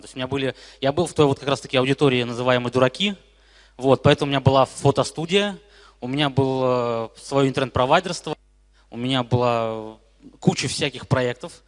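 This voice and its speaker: A man in his twenties with a lisp and slushy s sounds gives an informal, blunt, slangy talk to an audience. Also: mid-range voice. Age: 20s. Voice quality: lisp with slushy sibilants from braces. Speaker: speaker at a startup investment talk. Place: hall with live audience. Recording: echoey hall with long reverb.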